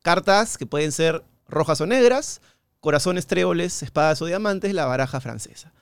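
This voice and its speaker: A man from Peru hosts an interview and steps his guest through a card trick, drawing out his words theatrically. His voice is smooth and clear, a bit high for a man, and sounds dry and close. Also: lively intonation, normal speed, no room sound. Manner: warm, theatrical when leading a card trick. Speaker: interview host and amateur magician. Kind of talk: casual interview conversation.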